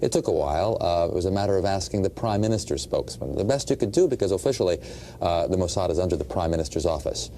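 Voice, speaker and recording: A man recounting an anecdote in a relaxed interview. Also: low-pitched, fast talker, a little hiss or hum. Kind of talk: interview recollection.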